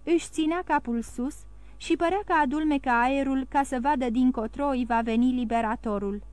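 High-voiced woman narrating an audiobook. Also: no echo. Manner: steady, even storytelling. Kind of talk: scripted narration.

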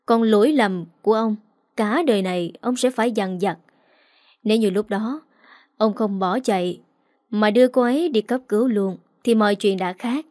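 A woman's voice: medium pitch, normal speed, dark tone, dry recording, studio quality, natural voice. A woman voicing a cold, proud wealthy young man who speaks curtly. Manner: curt, cold.

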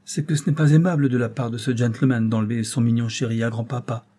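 A man's voice: medium pitch, fairly even intonation, fast, dark tone, close to an everyday voice. Guy putting on a huffy old housekeeper lady, polite but cross. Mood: indignant. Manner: indignant yet respectful. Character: indignant elderly female housekeeper.

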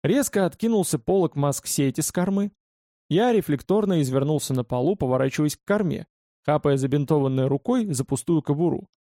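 A man narrating a first-person audiobook war story in an expressive, colloquial way. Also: on the high side, fairly quick, no room sound, studio quality.

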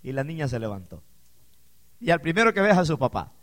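A man delivering a sermon as pastor, his high, bright voice leaping around with lively pitch. He shifts from hushed storytelling into loud, emphatic swells, often calling his listeners brother. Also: fast talker. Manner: animated preaching with sudden loud emphatic swells; addresses listeners as "hermano".

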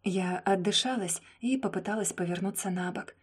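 A young woman narrating a first-person audiobook, soft and subdued, often close to a whisper. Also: medium pitch, normal speed, slightly rough.

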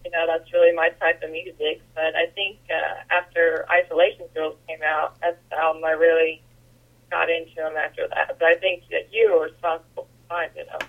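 A woman's voice: sits low, flat delivery, fairly quick, creaky. A woman heard over the phone, chatting casually with her brother and reminiscing in an easygoing way, with fillers like "like" and "I mean". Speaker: guest, host's sister. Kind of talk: casual chat. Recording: tinny phone line.

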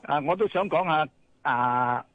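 A man's voice: on the high side, measured pace, dry recording. A man with a Hong Kong Cantonese accent calling in to a radio show, agitated and firing rhetorical questions. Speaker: caller. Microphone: phone. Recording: tinny phone line.

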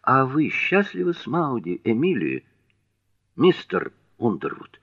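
A man voicing a naive, earnest young gentleman asking curious questions. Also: mid-range voice, huge pitch swings, measured pace, highs cut off, pitched above the performer's own voice, exaggerated voice. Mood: polite.

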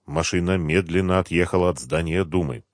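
A man narrating an audiobook in a steady, measured storytelling way, close to the mic. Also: sits low, dry recording. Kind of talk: scripted narration.

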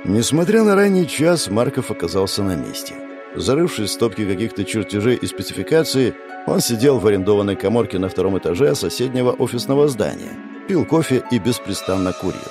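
A man reading a first-person audiobook in an expressive, storytelling voice. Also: fairly low pitch, brisk, music in the background. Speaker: audiobook narrator.

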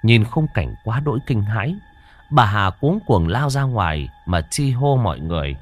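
A man narrating a horror story in a dramatic, expressive way. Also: fairly low pitch, moderate pace.

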